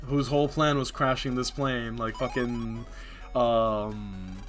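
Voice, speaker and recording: A man's voice: medium pitch, fairly even intonation, slow pace, soft background music. A man streaming a video game, chatting casually with his viewers, rambling and laughing often. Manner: rambling, laughs often, lots of filler words. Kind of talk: casual live-stream chat while gaming.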